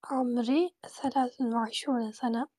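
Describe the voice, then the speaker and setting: Young woman student, slow and halting, soft sleepy tone, a bit high, dry sound. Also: steady tone, husky, dry recording, low-quality recording. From Turkey. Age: 20s. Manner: hesitant and halting, searching for words. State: sleepy, speaking softly. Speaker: student learner. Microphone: phone in an audio chat app.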